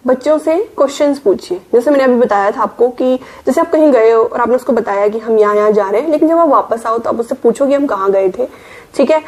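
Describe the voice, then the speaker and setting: A woman's voice: sits high, husky. A young Indian working mother giving casual parenting advice, explaining step by step and mixing English words into her Hindi.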